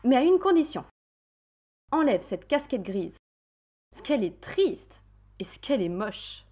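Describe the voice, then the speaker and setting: A woman's voice: fairly high pitch, sing-song, a little slow, warm tone. A woman voicing a forthright young woman who asks direct, teasing questions.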